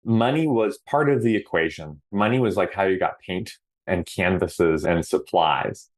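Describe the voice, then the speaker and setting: A man from Hawaii with a notably low, deep voice, speaking as a podcast guest. He sounds earnest and reflective, stretching out the words he wants to stress. He is middle-aged and relaxed in a casual interview. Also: unhurried.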